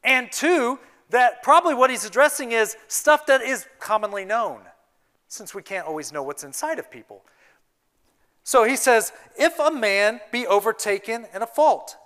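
A youth pastor preaching a sermon in his church, his voice high and bright, with a sharp, forceful edge. He swings between hushed, earnest passages and emphatic pushes. It is a steady pulpit delivery, not a chat. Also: normal speed. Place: church sanctuary.

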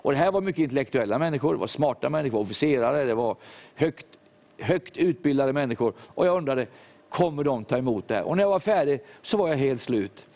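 A man's voice: medium pitch, expressive, darkish tone. Older man preaching a sermon. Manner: storytelling, acts out quoted voices. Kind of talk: sermon testimony.

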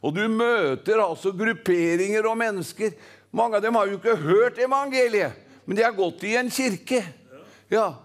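A man from Norway preaching a fervent Pentecostal sermon, rhythmic and calling for responses from the congregation. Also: sits high.

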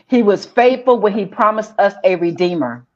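A woman preaching a sermon in slow declarative lines, calling the congregation to respond. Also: mid-range voice, muffled recording.

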